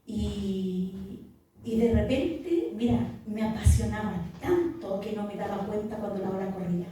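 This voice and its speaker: A woman's voice: medium pitch, a little slow, warm tone, a little hiss or hum. A middle-aged woman pastor telling an earnest, vivid testimony in a podcast interview, recorded with the mic far off in an echoey room. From Chile.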